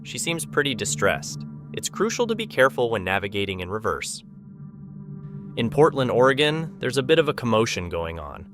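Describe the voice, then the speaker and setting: A man's voice: mid-range voice, sing-song, moderate pace, over music. A man reading a dramatic scripted narration for a video as its narrator.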